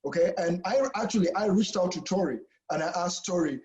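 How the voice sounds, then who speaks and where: His voice sits high, with a brisk pace and a darkish tone. He's a Kenyan professor talking chattily in an online info session, full of restarts and repeated "okay?" checks.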